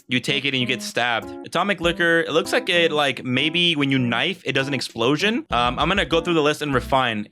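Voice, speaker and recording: A man's voice: mid-range voice, bright, forceful tone. A man giving casual, rambling gameplay commentary as he ranks items, joking and swearing often. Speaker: gaming video creator. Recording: faint guitar music behind.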